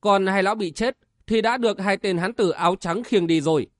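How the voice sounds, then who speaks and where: A man's voice: high-pitched, fairly quick, no echo, studio quality. A man narrating a martial-arts novel as an audiobook with vivid, dramatic storytelling.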